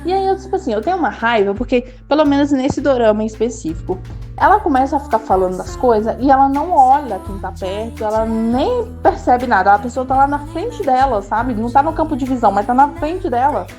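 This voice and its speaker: A woman's voice: high-pitched, brisk, soft background music. A woman, casually recapping a drama episode in a chatty, opinionated way. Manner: chatty, uses fillers like "tipo assim" and "entendeu"; animated and opinionated, laughs.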